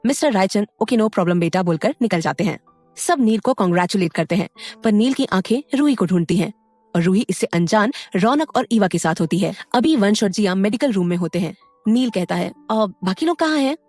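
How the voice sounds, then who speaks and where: A woman narrating an audio story in an even storytelling manner. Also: mid-range voice, a little fast, dry recording, faint music behind.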